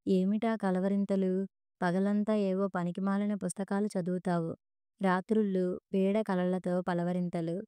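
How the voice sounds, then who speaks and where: A woman's voice: mid-range voice, level tone, measured pace, mellow, clear, resonant tone, no room sound, lightly acted. A woman voicing an impatient husband scolding his wife in a storybook reading. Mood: irritated. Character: irritated husband woken at night. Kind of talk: storybook narration.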